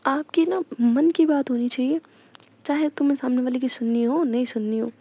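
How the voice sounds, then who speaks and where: A woman voicing a sharp-tongued, sulky young woman who scolds sarcastically, in a dull lo-fi recording. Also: high voice, fairly even intonation, moderate pace, husky, dry recording. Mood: sarcastic, scolding.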